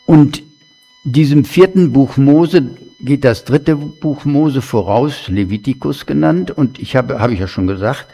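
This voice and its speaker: A man preaching a sermon in a slow, conversational way, with chatty asides to the congregation. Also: mid-range voice, creaky, warm tone, breathy edge, faint music behind. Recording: long hall reverb.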